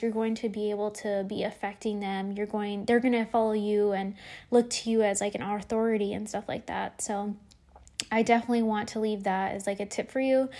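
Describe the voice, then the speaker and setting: A woman's voice: medium pitch, dark tone. A young woman hosting a casual solo podcast, chatty and full of fillers and restarts, saying she is losing her voice. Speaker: podcast host.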